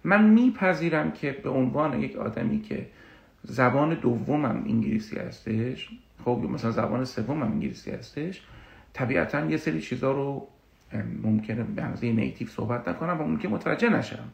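A man working as a coach gives an explanatory talk on confidence, animated and full of personal examples. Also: medium pitch, creaky. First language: Persian. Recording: echoey room.

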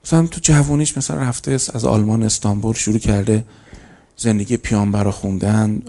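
A man's voice: lowish voice, steady tone, mellow. A man giving a conversational religious lecture to a live audience, telling stories and breaking into emphatic bursts. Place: lecture hall.

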